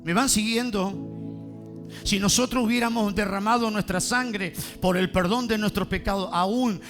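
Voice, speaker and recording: A man preaching a sermon in a church, fervent, calling on the congregation to answer and rising to shouts. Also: high-pitched, fairly even intonation, normal speed, music in the background. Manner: fervent, builds to shouting, calls on congregation to respond.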